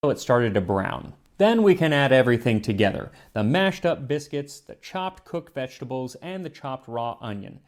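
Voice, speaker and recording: A man's voice: mid-range voice, sing-song, normal speed, few pauses. A man hosting an educational video, reading scripted narration in an emphatic, explanatory way. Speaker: host of a food history video show.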